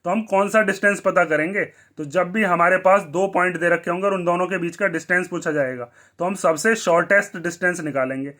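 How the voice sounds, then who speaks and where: Male maths teacher, high voice, bright tone, asks and answers his own questions. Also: brisk, hardly any pauses. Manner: asks the class questions and answers them himself. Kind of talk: blackboard maths lesson.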